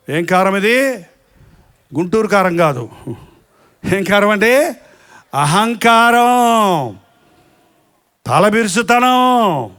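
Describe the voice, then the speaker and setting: A man's voice: sits high, a bit bright. A man preaching a sermon, who asks the congregation questions and acts out quarrels as he goes. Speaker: pastor.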